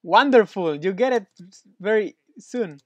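A man's voice: high voice, measured pace, dry recording, dull audio. A man tutoring Spanish one-on-one, patient and encouraging, praising often, with slightly non-native English phrasing. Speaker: Spanish teacher.

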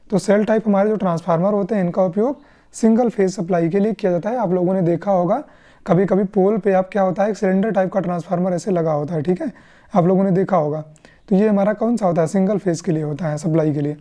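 A woman tutoring for the electrician exam, speaking with an Indian accent, moves briskly through questions step by step, her medium-pitched voice dark in tone. She explains each answer and often checks in using short tag questions.

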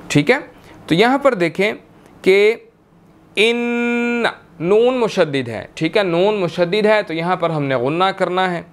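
A man teaching Quran tajweed in a recorded lesson, reciting verses slowly and drawn out, then explaining each letter and saying "theek hai" often. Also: high-pitched, clean tone.

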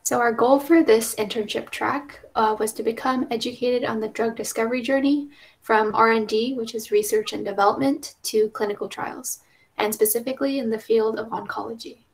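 Young woman student presenting on a call, a bit high, gravelly. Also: fairly even intonation, normal speed. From California. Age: young adult. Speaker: intern presenter. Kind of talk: presenting slides on a video call. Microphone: video call.

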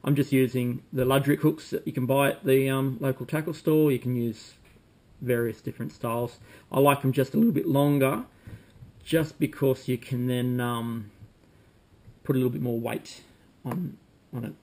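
A man, calmly demonstrating fly tying at a desk at home, talking while he works with frequent ums. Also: medium pitch, normal speed. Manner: relaxed, talks while working, frequent ums. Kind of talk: casual demonstration. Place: home room with bookshelves, indoors.

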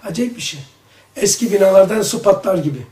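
A man teaching a religious study circle, talking in an animated way with exclamations and rhetorical questions. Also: sits high, fairly quick. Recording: echoey room, voice from a distance.

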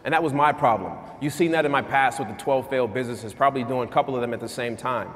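A man in his thirties giving an energetic motivational keynote on stage in a large conference hall, asking the crowd questions. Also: mid-range voice, fast. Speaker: keynote speaker. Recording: long hall reverb.

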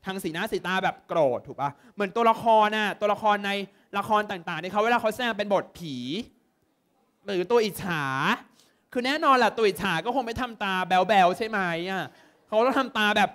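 Lively high-voiced male tutor. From Thailand. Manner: lively, constantly checks understanding with quick questions. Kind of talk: exam prep lesson to students.

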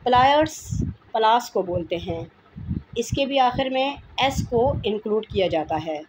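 A woman's voice: fairly high pitch, expressive, unhurried, a little mellow, husky. A woman giving a vocabulary lesson, patiently repeating each word as she explains it. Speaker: teacher. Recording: noisy home recording.

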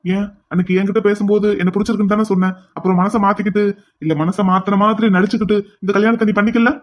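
A man voicing a headstrong, protective young man in a cartoon drama, speaking forcefully and insistently. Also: sits high, little pitch movement, very fast, close to an everyday voice.

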